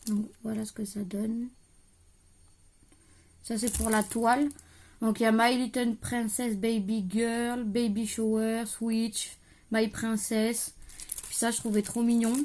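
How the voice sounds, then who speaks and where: A chatty crafting vlogger unpacks a haul at her craft table at home, a creaky chair beneath her, thinking aloud and trailing off as she talks to the camera. Her voice is a little high and a little mellow, with a level tone and a slow pace. She has a regional French-speaking accent.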